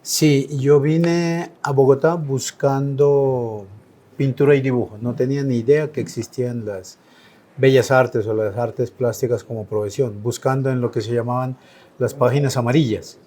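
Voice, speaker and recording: A man's voice: medium pitch, fairly even intonation, moderate pace, dark tone. A man in his sixties from Colombia, a painter giving an interview, speaking reflectively with frequent hesitations. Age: 60s. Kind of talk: relaxed conversational interview.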